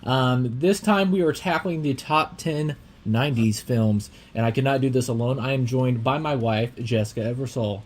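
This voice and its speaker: A young man hosts a casual movie podcast at home, eager and rambling, with lots of ums and uhs. A slight lisp from a dental aligner softens his consonants. His voice sits at an ordinary mid pitch for a man. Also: normal speed, few pauses, slight background noise. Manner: rambling, filler-heavy, excitable. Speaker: podcast host.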